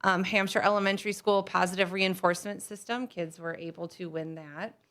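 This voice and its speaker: A woman's voice: fairly low pitch, fairly even intonation, fairly quick, fairly bright tone. An American woman speaking conversationally as a guest in a radio interview. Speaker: radio guest, school fundraiser organizer.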